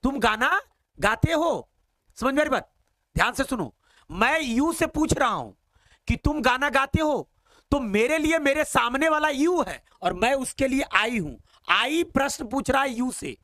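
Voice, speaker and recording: A man teaching spoken English in Hindi, coaxing students warmly as "beta" and repeating English phrases slowly. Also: extremely high pitch, dry recording.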